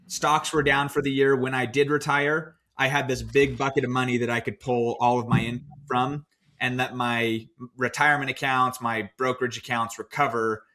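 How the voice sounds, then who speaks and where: A man co-hosting a podcast, recounting his own finance choices in a relaxed, storytelling way with plenty of fillers. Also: medium pitch, moderate pace. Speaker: podcast co-host. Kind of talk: casual podcast discussion.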